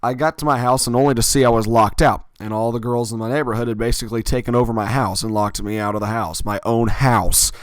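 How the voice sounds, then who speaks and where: A man's voice: medium pitch, steady tone, fast talker, hardly any pauses, no room sound. A man telling a personal story in a casual, rambling way, with fillers and little self-corrections.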